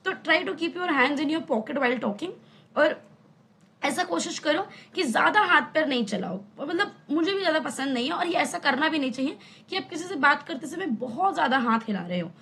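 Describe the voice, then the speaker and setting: A woman's voice: high voice, lively intonation, moderate pace, vocal fry, a bit bright. A young woman teaching an online class in a chatty way, explaining with everyday examples and asking rhetorical questions. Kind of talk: casual online lesson.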